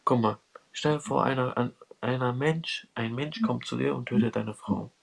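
A man's voice: medium pitch, normal speed, gravelly. A man arguing religion in an online voice chat, repetitive and pleading, calling the others brother. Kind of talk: heated religious debate.

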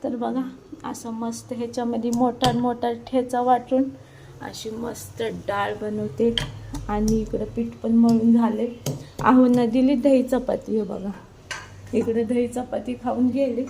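A middle-aged woman chats informally for a home cooking vlog, hoarse from a sore throat, her voice giving out. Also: a little high, flat delivery, a little slow, darkish tone, slight background noise. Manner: chatty, repetitive, informal. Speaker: homemaker video blogger. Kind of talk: casual cooking vlog chat. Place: home kitchen.

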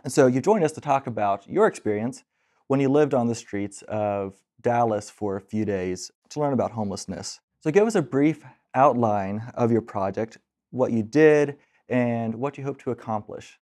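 A young man with a mellow, warm voice introduces the topic and asks questions clearly, like a prepared host. He is recorded on a clip-on mic in a bright office room. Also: medium pitch, normal speed. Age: 20s. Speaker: podcast host. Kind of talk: interview hosting. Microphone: lapel mic.

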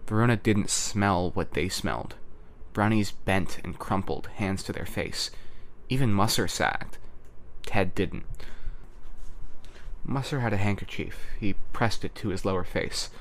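Brief: male narrator, lowish voice, measured reading for a fan audiobook. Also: slight background noise. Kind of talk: scripted narration.

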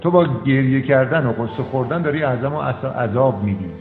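A man counsels in a calm, firm voice, repeating short commands again and again. He sounds tinny and phone-like, in a roomy, reverberant space with faint music underneath. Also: medium pitch. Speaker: counselor addressed as doctor. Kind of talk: counseling session with a storytelling aside.

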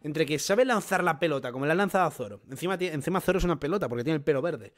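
A young man with a Spain Spanish accent giving excited, jokey, swear-filled reaction commentary on a manga chapter. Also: on the high side, very fast.

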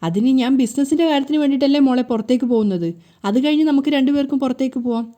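A woman voicing a smooth-talking, scheming middle-aged man who lies persuasively. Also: sits high, very fast, warm tone, natural voice.

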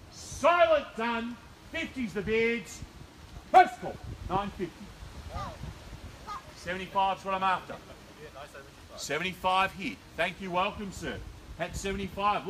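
A middle-aged Australian man works a crowd as a property auctioneer, his voice bright and pitched high. He spins upbeat, persuasive sales patter and rattles off bid amounts in a steady rhythm. He is recorded outdoors by a camera some way off, with faint traffic behind him. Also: poor audio. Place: outdoors on a suburban front driveway. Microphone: far camera, no visible mic.

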